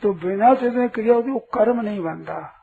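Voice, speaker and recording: A man with a high-pitched, creaky, husky voice teaches an audience in a spiritual discourse at a moderate pace. He poses rhetorical questions and corrects a questioner sternly; the recording is tinny and lo-fi with faint hiss.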